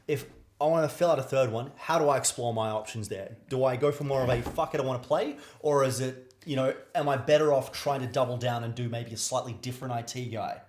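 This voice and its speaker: A man co-hosting a casual podcast, asking quick questions and cracking jokes. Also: mid-range voice, steady tone, darkish tone, a little hiss or hum. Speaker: podcast co-host. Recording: roomy echo.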